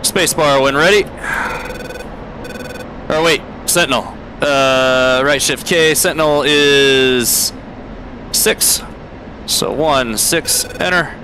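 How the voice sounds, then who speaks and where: A man's voice: fairly high pitch, takes it slowly, long pauses. A man playing a flight simulator and giving casual commentary, thinking aloud and muttering key presses over an aircraft engine drone. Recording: steady aircraft cockpit noise behind. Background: game aircraft engine drone.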